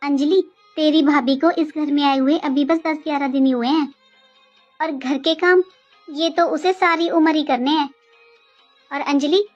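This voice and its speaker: A woman playing a middle-aged mother-in-law talks a lot in a very high voice. She scolds and lectures in a home comedy skit, and faint music runs behind her. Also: muffled recording, close to an everyday voice. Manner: scolding, talkative. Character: middle-aged mother-in-law, sharp-tongued but caring.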